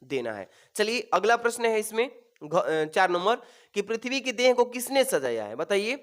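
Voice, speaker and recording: A man's voice: high voice, big pitch swings, moderate pace, a bit bright. A man teaching an exam-prep lesson, calling his students "babu" and repeating each question to reassure them.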